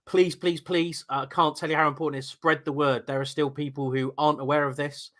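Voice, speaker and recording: A man's voice: on the high side, level tone, fairly quick, a bit bright. A man co-hosting a live-stream talk show, wry and earnest. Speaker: co-host. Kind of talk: casual live-stream chat.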